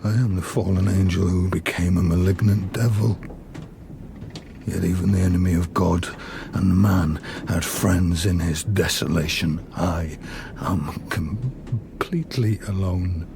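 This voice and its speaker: Frankenstein's Monster, deep, gravelly, anguished. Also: male voice. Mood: anguished, bitter. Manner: slow, anguished, eloquent. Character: grieving, bitter, lonely male monster, creature made by man. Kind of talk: gothic audio drama acting. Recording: clear background ambience noise.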